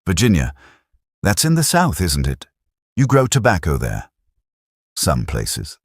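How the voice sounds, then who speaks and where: A man reading as a cheeky young British private, breezy and teasing. The voice sits very deep but swings up and down a lot, with a husky edge and a dry, close sound. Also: wildly swooping pitch, a little slow, no room sound, full character voice.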